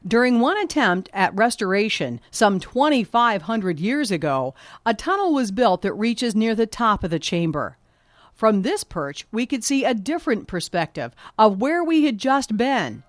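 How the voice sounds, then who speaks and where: A woman reporter giving a scripted documentary narration, measured and vivid. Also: fairly high pitch, very animated, no echo, studio quality.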